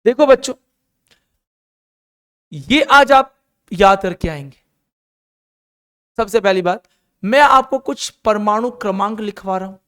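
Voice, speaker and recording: A man's voice: high-pitched, lively intonation, slow, long pauses, a bit bright, smooth. A male chemistry teacher with an Indian accent giving an encouraging classroom lecture, drilling students through repeated call-and-response lists.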